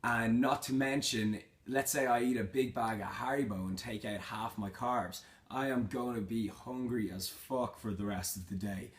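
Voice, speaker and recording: Speaking at normal speed with hardly any pauses, this young male fitness vlogger has a steady, mid-range voice. In a relaxed Q&A video he reads questions aloud and answers them plainly, with plenty of slang.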